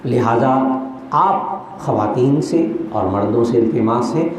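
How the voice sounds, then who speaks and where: A man's voice: medium pitch, a little hiss or hum. Echoey hall lecture by a male teacher. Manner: reassuring, instructive, leads group chanting. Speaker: religious instructor. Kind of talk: pilgrimage training lecture. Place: large hall with an audience. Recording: very echoey hall, dull lo-fi sound.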